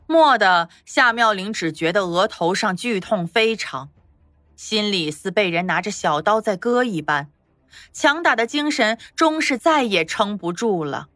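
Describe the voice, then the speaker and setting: A woman giving expressive scripted narration for a palace audio drama. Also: mid-range voice, unhurried, no echo, studio quality.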